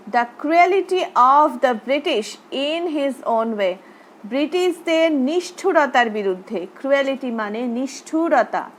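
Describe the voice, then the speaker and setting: A woman teaching a primary school English lesson with a Bengali accent. She reads the English text slowly, word by word, and explains each phrase in Bengali. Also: high-pitched, a little hiss or hum. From West Bengal, India.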